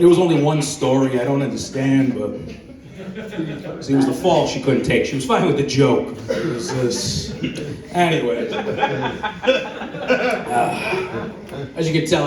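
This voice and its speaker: Deadpan man doing stand-up in a roomy club. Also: medium pitch. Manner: deadpan dark one-liners. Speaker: stand-up comedian. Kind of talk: stand-up comedy set. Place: comedy club stage with audience. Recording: roomy club sound from far off, crowd laughter.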